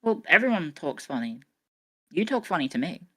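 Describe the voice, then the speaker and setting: A woman's voice: on the low side, very animated, moderate pace, husky. A woman with a mixed, slightly English accent, chatting on a stream in a dry, wry way. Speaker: guest streamer. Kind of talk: casual stream chat.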